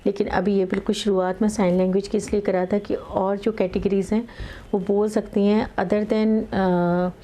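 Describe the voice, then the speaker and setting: Middle-aged female advocate, interview guest; measured, pause-filled delivery, warm and dark in tone. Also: mid-range voice, little pitch movement. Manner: measured, many filler pauses, mixes English legal terms into Hindi. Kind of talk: explaining in conversational interview.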